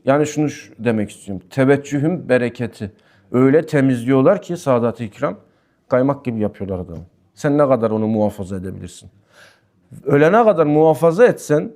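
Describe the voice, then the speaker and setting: A man, a Sufi sheikh, giving a weekly religious talk that mixes personal stories with explanations of passages he reads aloud. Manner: lively storytelling, pitch rising and falling sharply. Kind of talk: religious talk with personal anecdotes and text commentary.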